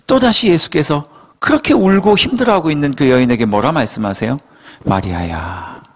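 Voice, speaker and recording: A male pastor preaches to a young congregation, telling the story with animation and asking rhetorical questions. His voice sits at a middle pitch but rises and falls in a very lively way. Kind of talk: sermon.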